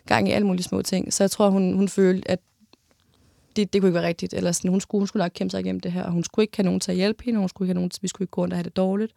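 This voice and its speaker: Young woman with a gravelly, halting voice. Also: medium pitch, level tone, mellow, dry recording, studio quality. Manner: halting, with many restarts and pauses. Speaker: interviewee. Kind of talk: personal storytelling in an interview.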